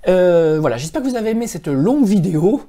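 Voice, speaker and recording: A man hosts a computer help video in a loose, conversational way. He often restarts his sentences as he goes. His voice has a soft, mellow warmth. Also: high voice, big pitch swings, fast. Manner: informal, rambling, with frequent restarts. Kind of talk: casual spoken tech recommendations.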